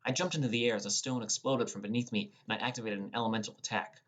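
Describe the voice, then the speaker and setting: A young man narrates scripted first-person fantasy as a dramatic storyteller, in the manner of an audiobook reader. His voice is medium in pitch with a steady tone, and he races through the lines.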